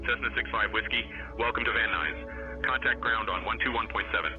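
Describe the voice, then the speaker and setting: A man's voice: on the low side, fairly quick, phone-quality sound, over music. A man working as an air traffic controller, heard as a radio transmission through a cockpit headset, speaking in clipped, procedural phraseology. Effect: radio transmission heard over a cockpit headset.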